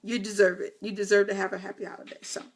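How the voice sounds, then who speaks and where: A woman in her fifties hosts a casual live video talk, speaking directly to viewers in a mid-range voice. Her delivery is fast and flat, broken up by playful, teasing asides and chatty direct address.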